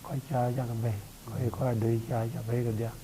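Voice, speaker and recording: Man, 50s, from South Sudan, clipped phrases with pauses, noisy ambience. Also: mid-range voice, flat delivery. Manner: speaks in brief bursts, waiting for translation. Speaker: interviewee, refugee. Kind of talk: interview answers in short phrases, paused for interpreting. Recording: ambient background noise.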